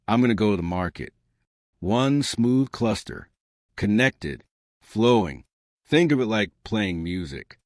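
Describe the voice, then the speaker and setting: Slow, dry-voiced male English coach. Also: fairly low pitch, no echo. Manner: measured, emphatic, short punchy phrases. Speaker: English pronunciation teacher. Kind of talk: scripted instructional narration.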